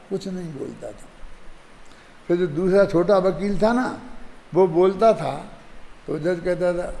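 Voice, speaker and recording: An older man gives a religious discourse in a high, gravelly voice. He talks conversationally and keeps checking that his listeners follow. The recording has a long hall reverb and faint background noise. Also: mellow. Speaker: Jain scripture teacher.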